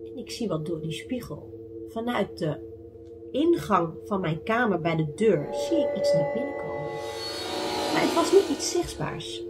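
A young woman vlogger telling her own true ghost stories in a chatty way, full of fillers, sometimes dropping to a whisper and sometimes rising to excited shouts. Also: medium pitch, a little slow. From Netherlands. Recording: music playing underneath.

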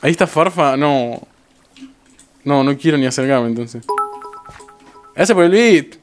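High-voiced Argentine streamer, excitable and repetitive. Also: male voice, measured pace, faint music behind. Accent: Argentine Rioplatense Spanish. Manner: excitable, repeats himself, chats to viewers. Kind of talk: live gameplay commentary.

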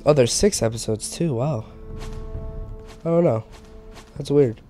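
A man's voice: mid-range voice, a little slow, mellow, faint music behind. A man with a stuffy, sick voice giving casual let's-play commentary while he plays a game. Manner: chatty, thinks aloud while playing. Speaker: game streamer.

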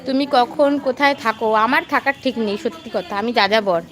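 A middle-aged woman with a high voice chats in a fond, lively way as a vlogger walking outdoors. She answers her viewers as they write in. Faint street ambience sits behind her. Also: fairly quick, slight background noise. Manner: chatty, affectionate, lively. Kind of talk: casual live-stream chat, answering viewer comments.

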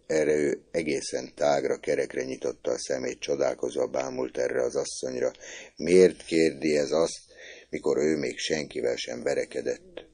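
A man narrating a classic novel as an audiobook in a calm, measured way. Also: rumbling low, no echo.

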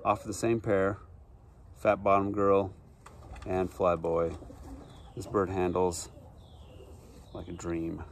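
A man in his forties, a pigeon breeder, calmly showing birds in his backyard and talking in an unhurried, matter-of-fact way with frequent ums, recorded on a handheld phone. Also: deep voice, creaky. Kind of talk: casual show-and-tell. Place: backyard outdoors. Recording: faint outdoor background noise.

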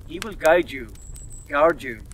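A man voicing a kindly old male druid who speaks gently and reassuringly, heard from a slightly distant mic. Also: fairly high pitch, expressive, a little slow, a little hiss or hum.

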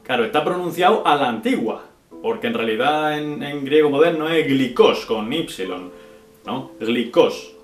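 A man's voice: mid-range voice, moderate pace. A young man from Spain, answering viewer questions in a casual vlog, clipping words and tagging sentences with "right?". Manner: chatty, drops syllables as "pa'", frequent "¿vale?" and "¿no?". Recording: echoey room with faint guitar music.

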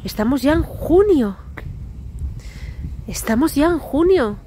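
A tired family vlogger in her thirties, a native Basque speaker with a Basque Spanish accent, chats and rambles with weary asides into a phone camera held at arm's length. Her voice sits high, expressive and slow with a dark tone, and the echoey tiled home kitchen adds slight background noise.

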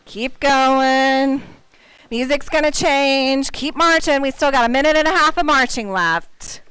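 High, bright American woman barking as gym coach. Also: unhurried, no room sound, rough recording. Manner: energetic, exercising while talking. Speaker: exercise class instructor. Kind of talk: group fitness coaching with short called-out commands and countdowns. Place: medium-sized indoor community room with class.

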